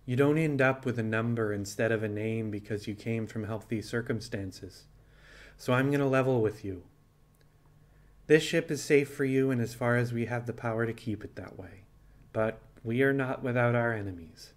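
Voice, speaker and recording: A man with a mid-range voice, lightly acted, plays a frank and thoughtful animal pirate captain. He talks in a level, folksy, deliberate way.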